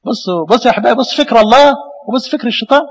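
Fast-talking Egyptian priest in an echoey hall. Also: male voice, very high voice, slightly rough. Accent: Egyptian Arabic. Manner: animated preaching with rhetorical questions. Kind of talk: sermon.

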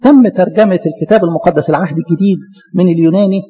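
A man with an Egyptian Arabic accent giving a lively church lecture, talking to his listeners as his beloved. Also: sits high, very fast, husky, long reverb tail, dull audio. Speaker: Coptic church speaker.

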